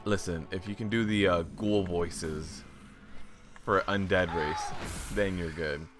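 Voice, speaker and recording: A man's voice: low voice, fairly even intonation, slow. A man casually commentating his live game stream, laughing and thanking chat as he plays. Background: game music.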